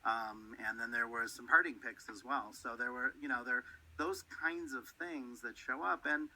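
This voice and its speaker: A man's voice: mid-range voice, moderate pace, bright, forceful tone, rough recording. A middle-aged man from Detroit, a guest in a radio interview, talking earnestly and often repeating his words. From Detroit, Michigan. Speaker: guest, company representative. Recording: radio studio.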